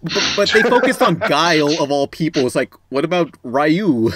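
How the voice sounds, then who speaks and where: A man's voice: a little high, lively intonation, normal speed, fairly bright tone, dry recording. A man co-hosting a podcast, chatting casually and jokingly about movies. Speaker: podcast co-host. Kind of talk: casual comic movie chat.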